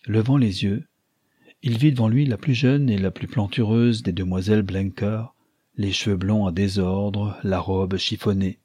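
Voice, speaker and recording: A man narrating an audiobook in a calm, measured reading. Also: lowish voice, husky, no echo.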